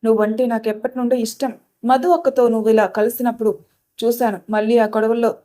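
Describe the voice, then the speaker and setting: A woman's voice: on the high side, flat delivery, fairly quick, warm tone, natural voice. Woman voicing a pleading young woman in love. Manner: pleading, emotional.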